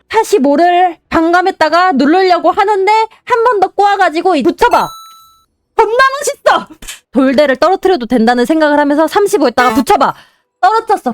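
A young woman streaming a game, commentating excitedly, cheering herself on and mock-calming herself. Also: extremely high pitch, dry recording. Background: game music.

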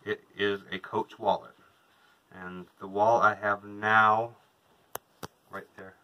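A man's voice: fairly low pitch, little pitch movement, slow pace, bright, forceful tone, rough recording. A man in his thirties, a vlogger, chatting casually to a camera across from him inside a small trailer. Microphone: camera a couple of metres away.

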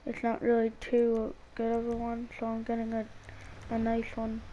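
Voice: mid-range voice, monotone, moderate pace, dark tone, highs cut off, slight background noise. A young, school-age gamer giving casual, hesitant, rambling gameplay commentary, talking with a split lip. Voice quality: speech hindered by a split lip. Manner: hesitant, rambling, repeats words. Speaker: gaming video creator.

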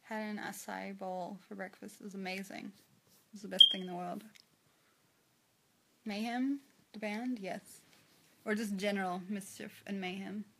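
Holding her phone at arm's length in a small room, a young livestream host from New Zealand reads out viewer comments and answers them, giggling often. Her medium-pitched voice is creaky, pushed and bright, with fairly even intonation, a measured pace and frequent pauses. A little hiss or hum sits under the audio.

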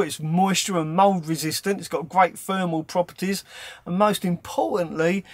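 A man with a high voice hosts a chatty question-and-answer vlog from inside his camper van. He talks upbeat and friendly. The sound is dry and close. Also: no room sound. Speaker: van life vlogger.

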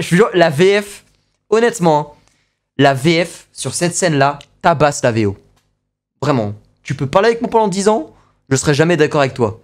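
Reacting to a video on a live stream, a young man gets excited, throwing around slang and exclaiming the same things again and again. He sounds on the high side.

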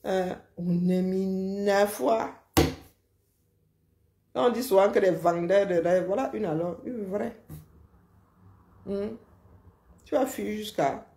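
A woman lectures and mocks in a loose, animated rant. Her voice has a gravelly fry to it. The sound rings with a roomy echo. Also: medium pitch, slow, pauses often, a little hiss or hum. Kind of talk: casual live rant.

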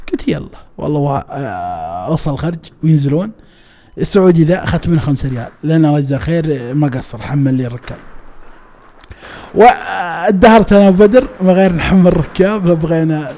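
A man with a Saudi Najdi accent telling a personal story in a casual, lively, colloquial way, often laughing and acting out the people he talks about. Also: a little high, a little hiss or hum. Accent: Saudi Najdi Arabic. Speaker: storyteller recounting his past.

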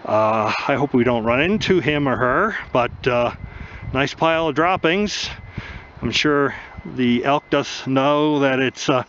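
A man with a slightly high voice talks easygoing and matter-of-fact as he hikes, filling his pauses with little ums. He is outdoors on a mountain at night, recorded on a camera mic. The sound is dull and lo-fi, with clear background noise. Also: fairly bright tone. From United States. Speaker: mineral prospecting vlogger. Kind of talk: casual outdoor narration to camera.

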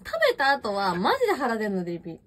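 A woman's voice: medium pitch, sing-song, fast, background noise. A young woman chatting casually on a livestream while eating, rambling and answering viewer comments, recorded on a smartphone at home. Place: messy room at home.

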